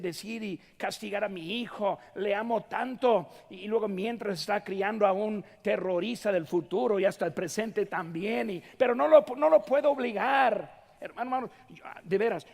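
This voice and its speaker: A man pastor preaching in a church, his voice strikingly high for a man and rough with gravel. He presses his points home and turns often to address the congregation directly. A long reverb hangs after his words in the sanctuary. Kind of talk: sermon.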